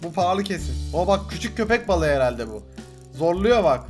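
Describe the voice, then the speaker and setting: A young man with a high voice talks through a fishing game, excitable and quick to swear as he coaxes fish onto the line. His casual commentary is backed by faint music. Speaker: gaming YouTuber.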